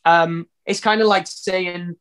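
A man's voice: sits high, fairly even intonation, slow, a bit bright, smooth. A Welsh man from Wales, a singer talking casually in an interview, rambling with lots of fillers and restarts.

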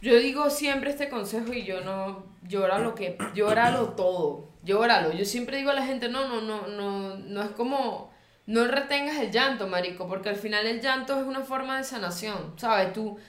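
A young woman with a Venezuelan accent gives blunt, slang-heavy advice on a podcast. Her voice sits a little high. She is recorded in an echoey room. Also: normal speed, a bit bright. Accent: Venezuelan Spanish. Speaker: podcast co-host. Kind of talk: casual advice chat.

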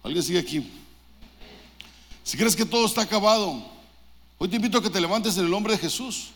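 Fervent high-voiced male preacher in reverb. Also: fast talker, fairly bright tone. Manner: fervent, exhorting, with call-and-response questions. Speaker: pastor. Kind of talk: sermon. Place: church.

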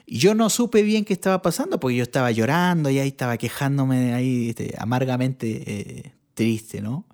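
A man from Chile, a church bass player, telling his testimony in a relaxed chat and acting out the people he quotes. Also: moderate pace. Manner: animated, acts out the people he quotes. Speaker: guest sharing his testimony. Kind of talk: casual storytelling.

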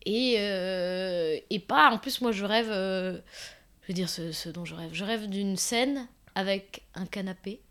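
A young woman hosting a casual podcast chat, playful and animated, with quick jokey asides. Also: mid-range voice, smooth. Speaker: podcast host.

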